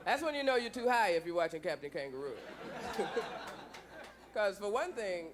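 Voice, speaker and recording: A man's voice: high-pitched, very animated, quick pace, crowd noise. A man performing stand-up comedy in a conversational, observational way, talking directly to a live audience. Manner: conversational, observational, acts out quoted lines. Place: comedy club stage. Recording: noisy live club recording with audience. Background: audience noise and laughter.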